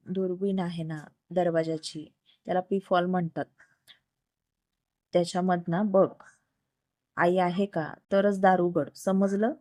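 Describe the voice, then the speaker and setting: A woman reading the lines of a stern, bossy young husband who scolds his wife out of worry, in a low, flat voice. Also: dry recording, clean studio sound, lightly acted.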